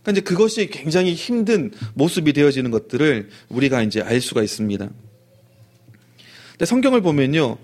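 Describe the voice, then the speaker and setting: A man's voice: fairly high pitch, very animated, a little fast, a little mellow. A man preaching a sermon in a storytelling way, with his voice rising and falling. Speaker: pastor.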